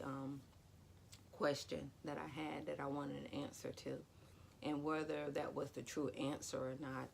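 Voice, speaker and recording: Low creaky-voiced woman vlogging. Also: slight background noise. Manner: rambling, lots of "you know". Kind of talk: casual talk to camera about dreams.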